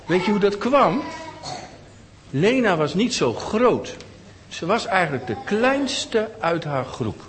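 Middle-aged male children's storyteller, lively and fairly high, questions the kids as he goes. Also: takes it slowly, long reverb tail. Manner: animated, asks listeners questions.

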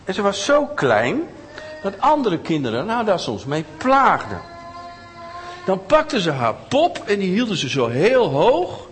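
Animated man telling a children's story. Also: high-pitched, unhurried, long reverb tail. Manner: animated, asks listeners questions.

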